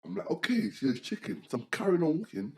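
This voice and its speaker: A man's voice: a little high, fast. A young man, telling a story in casual slang and acting out the people in it as a podcast co-host. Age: young adult. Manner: animated storytelling in slang, quoting others. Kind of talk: casual chat. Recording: echoey room.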